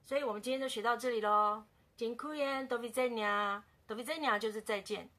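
A woman teaching a beginner language lesson in a casual way, repeating words slowly for her learners. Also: fairly high pitch, fairly even intonation, a bit bright.

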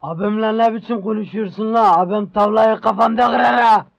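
A blustering henchman, acted by a man, makes threats in a high voice. The dialogue has the dull sound of an old comedy film. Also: normal speed, no room sound, lightly acted. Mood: threatening. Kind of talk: Turkish comedy film acting.

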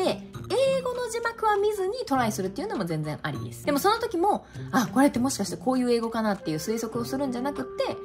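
A woman teaches pronunciation in a video lesson, speaking emphatically and straight to her viewers. Her voice sits a little high and swings widely in pitch. Background music runs steadily under her talk. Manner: lively, emphatic, addresses viewers directly. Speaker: English teacher.

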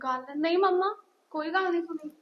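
A woman playing a daughter who answers her mother softly and reassuringly. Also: extremely high pitch, a little fast, highs cut off. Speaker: daughter in a family drama. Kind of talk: scripted family drama acting.

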